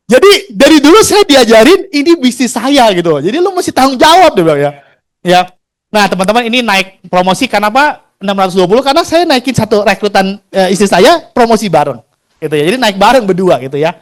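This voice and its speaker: A fast-talking man in his forties with a high, bouncy voice tells his career story to a crowd of colleagues. He is chatty and slangy, and he acts out the people he quotes. His pitch swings widely as he goes. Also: very animated. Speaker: insurance agent sharing his career story. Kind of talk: motivational storytelling talk.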